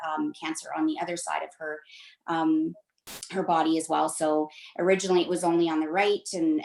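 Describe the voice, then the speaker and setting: Reflective woman guest in an echoey room. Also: on the low side. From Romania. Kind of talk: interview conversation.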